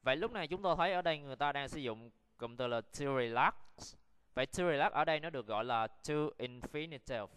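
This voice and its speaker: A man's voice: medium pitch, fast talker, a bit bright, clean tone, big-room sound. A Vietnamese man with a Vietnamese accent teaching an online English lesson, drilling words for students to repeat and explaining in Vietnamese.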